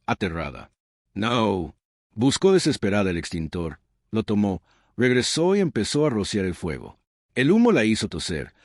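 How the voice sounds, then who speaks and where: A man's voice: fairly low pitch, dry recording, clean studio sound. A man reading a dramatic story as narrator, with suspenseful delivery.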